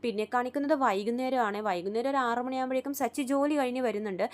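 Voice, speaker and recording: A woman recaps a TV serial episode in a casual, chatty way. She talks very fast and restarts her sentences often. Her voice sits somewhat high for a woman. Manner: rapid, chatty storytelling with frequent restarts.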